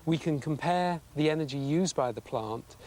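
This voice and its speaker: A man's voice: on the high side, normal speed, darkish tone. A man, an expert, explaining his measurements to a presenter outdoors.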